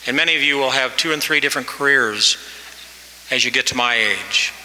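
Fairly quick and mid-pitched, his delivery pushed and bright, a man in his sixties addresses graduates from a podium microphone with earnest exhortation, raising his voice for emphasis. Slight background noise sits under the reverberant hall sound and its faint ambience.

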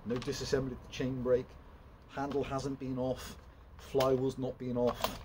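A man's voice: mid-range voice, completely flat delivery, moderate pace, background noise. A young man in a casual, rambling walkthrough, full of fillers and restarts, recorded in an open woodshed by a camera some way off. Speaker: chainsaw vlogger. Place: open woodshed with log piles.

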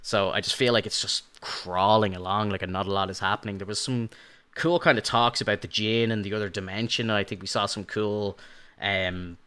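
A man's voice: fairly low pitch, steady tone, brisk, sharp tone, clear, resonant tone. A man co-hosting a podcast, chatting casually in a rambling way, with lots of fillers and restarts. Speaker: podcast co-host. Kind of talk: casual review chat.

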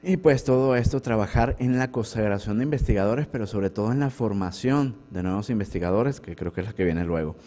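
A man's voice: lowish voice, brisk, few pauses, mellow. A man giving an academic conference talk as a professor, speaking in a conversational way and checking in with the audience through rhetorical questions. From Venezuela. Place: university lecture hall.

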